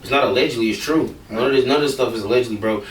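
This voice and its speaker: A man's voice: medium pitch, rapid-fire, roomy sound, far from the mic. A man, a rapper, talking casually and bluntly in an interview, rambling and swearing freely.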